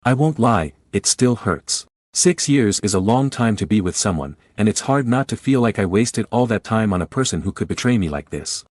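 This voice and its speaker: A man narrating a first-person online story in a steady, blunt way. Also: lowish voice, moderate pace, hardly any pauses, no echo, clean studio sound.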